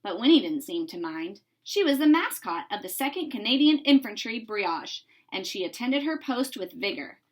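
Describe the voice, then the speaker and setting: This storybook reader is a woman whose voice sits in the mid range. She reads the children's tale aloud with deliberate, expressive narration.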